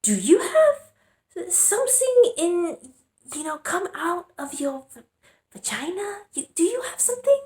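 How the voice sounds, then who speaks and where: A woman's voice: very high-pitched, very animated, darkish tone, voice pushed up, full character voice. A woman putting on her anxious immigrant mother, a native Chinese speaker who gropes for English words. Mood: hesitant. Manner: halting, groping for English words. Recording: roomy echo.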